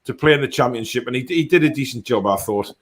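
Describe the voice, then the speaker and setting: A football fan live stream host runs a casual chat, reading viewer comments aloud and responding in a blunt, no-nonsense way. He talks fast and animatedly in a mid-range voice.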